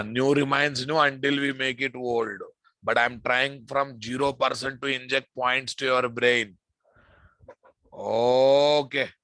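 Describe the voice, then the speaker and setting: A man's voice: medium pitch, sharp tone, no echo, low-quality recording. A man with an Indian accent giving an informal programming lecture, repeating phrases and addressing his students familiarly. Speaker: programming instructor. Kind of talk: informal live classroom lecture.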